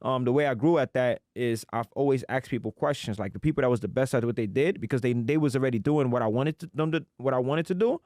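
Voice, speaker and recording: Animated, slangy man telling his story. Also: medium pitch, quick pace, hardly any pauses, no echo, clean studio sound. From United States. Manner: animated, slangy, acts out quoted people. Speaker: podcast guest. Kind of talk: casual podcast storytelling.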